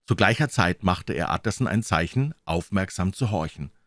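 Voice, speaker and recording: A man reading a classic novel aloud as an audiobook narrator, in an expressive, dramatic way. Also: low voice, moderate pace, no room sound, clean studio sound.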